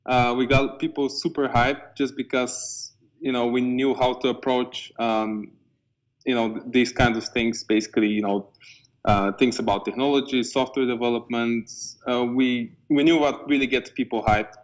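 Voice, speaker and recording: Male, 20s, Bulgarian accent, medium pitch, casual interviewee telling his story. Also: level tone, moderate pace, dull audio. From eastern Bulgaria. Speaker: software company co-founder being interviewed.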